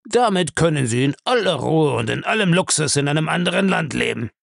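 A man's voice: on the high side, lively intonation, a little fast, vocal fry, a bit bright, no echo, studio quality, voice pushed up, heavily acted. A man reading a novel aloud, voicing an irascible, domineering old man who demands answers. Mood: bargaining, gruff.

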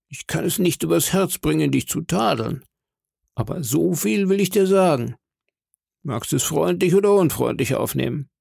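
A man's voice: fairly high pitch, creaky, a little mellow, slightly rough, dry recording, clean studio sound, pitched above the performer's own voice, exaggerated voice. Man voicing an earnest fatherly doctor. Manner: urgent, fatherly scolding. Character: earnest middle-aged male ship's doctor, fatherly. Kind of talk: audiobook reading.

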